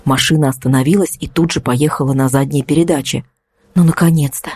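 Low husky woman reading a thriller. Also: steady tone, darkish tone, dry recording, studio quality. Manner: measured, tense storytelling. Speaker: audiobook narrator. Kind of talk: first-person audiobook narration.

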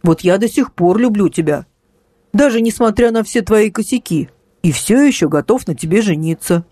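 A woman's voice: mid-range voice, animated, normal speed, dark tone, no room sound, clean studio sound, pitched above the performer's own voice, lightly acted. A woman voicing a young man, a manipulative ex-boyfriend who pleads and then snarls threats in an audiobook. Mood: wheedling.

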